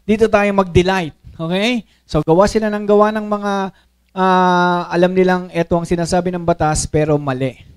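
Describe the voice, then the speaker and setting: High, clear-voiced pastor preaching. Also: male voice, moderate pace. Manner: Taglish preaching with frequent "okay?" and "no?" check-ins; animated, acts out quoted speech. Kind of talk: sermon.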